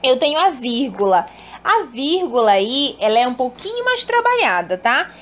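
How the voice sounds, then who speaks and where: A woman teaching a recorded online lesson, her voice sitting a little high for a woman. She explains step by step and addresses her pupils fondly. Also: very animated, moderate pace.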